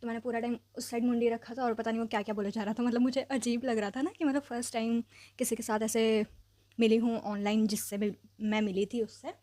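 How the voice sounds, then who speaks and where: A young woman telling a personal story in a chatty, animated vlog style, dropping English phrases in and leaning on fillers. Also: a little high, fast talker, no echo. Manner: mixes English phrases into speech. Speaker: vlogger. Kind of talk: casual storytelling.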